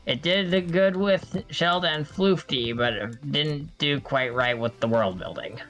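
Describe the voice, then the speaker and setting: A man's voice: on the high side, unhurried, a bit bright, highs cut off, soft background music. A man chatting casually as co-host of a let's play. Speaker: gaming channel co-host.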